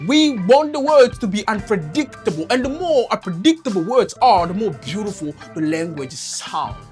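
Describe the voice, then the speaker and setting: Someone playing Professor Tony, slow lecturer. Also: medium pitch, animated, darkish tone, soft background music, close to an everyday voice. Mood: lecturing. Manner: slow, lecturing, addresses listeners as "you guys". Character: professor lecturing the French on English. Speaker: English teacher character.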